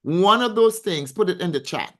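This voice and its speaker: A woman financial coach hosting a weekly live stream, reading viewers' comments aloud and answering each one with a stream of yeses and praise. She gets excitable, and her voice leaps upward when she does. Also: on the low side, moderate pace. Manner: effusive, showers comments with repeated yeses and praise.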